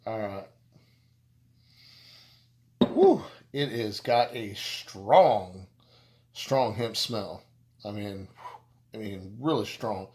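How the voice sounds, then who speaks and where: A man talks through a beer review in a casual, meandering way, and his voice sits a little low. He keeps stopping and restarting his sentences and padding them with fillers. He slips in self-deprecating jokes as he goes. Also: darkish tone. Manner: rambling, halting, with many restarts and fillers.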